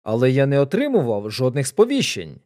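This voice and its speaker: A man voicing a loud, blustering older military colonel who speaks abruptly and exclaims. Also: mid-range voice, huge pitch swings, a little fast, voice pushed down.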